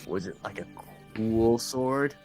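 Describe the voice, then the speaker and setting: A man's voice: on the low side, slow pace, a little mellow, soft background music. A man playing in a tabletop roleplaying game, talking casually in character.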